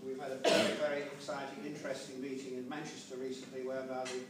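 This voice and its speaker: An older man delivers an informal memorial speech in a halting, digressive way. He is picked up from a distance in a very reverberant room, with clear background noise. His delivery is unscripted and wanders between asides. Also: mid-range voice, little pitch movement. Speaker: family member giving a speech at a memorial gathering. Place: large echoey room with a gathering.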